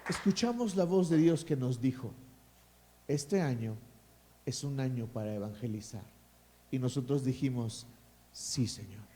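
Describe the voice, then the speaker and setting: A man's voice: medium pitch, animated, unhurried, pauses often, warm tone, slight background noise. A man with a Mexican accent preaching a sermon as pastor, emphatic and calling for responses from the congregation.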